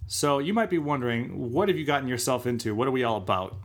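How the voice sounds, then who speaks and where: A man's voice: medium pitch, expressive, fast. Male podcast co-host, eager, explanatory, conversational. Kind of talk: casual chat.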